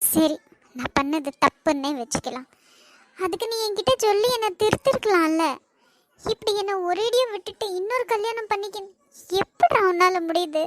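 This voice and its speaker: Cartoon lead: a woman plays a clingy, tearful young woman begging her ex, Kanyakumari Tamil accent, pitched very high. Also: animated, normal speed, a bit bright, a little hiss or hum. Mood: pleading. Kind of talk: cartoon voice acting.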